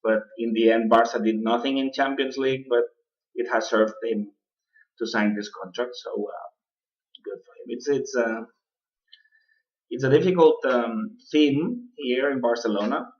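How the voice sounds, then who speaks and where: Hosting a radio program, a man with a mid-range voice gives a political monologue, stumbling with frequent "uh"s and restarts. English isn't his native language, and the sound is dull, distant, and lo-fi.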